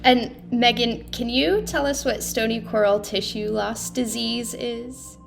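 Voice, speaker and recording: A woman podcast host reading a scripted introduction and asking interview questions in a clear, measured way. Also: a little high, soft background music.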